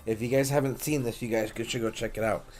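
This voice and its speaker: Medium in pitch and fairly even in intonation, this livestream host talks quickly over a noisy background. During his late-night gaming stream he chats loosely, cracks jokes, and curses freely, treating viewers as friends.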